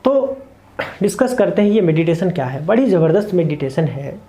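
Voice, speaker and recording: Male meditation teacher, higher register and warm mellow tone, earnest and repetitive delivery to camera. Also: big pitch swings, normal speed. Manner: earnest, repeats points in short lists. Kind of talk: explanatory talk to camera. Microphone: camera mic, speaking to camera.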